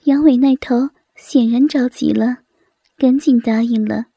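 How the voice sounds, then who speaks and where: A woman narrating a story in a soft, breathy whisper. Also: on the high side, steady tone, measured pace, no echo.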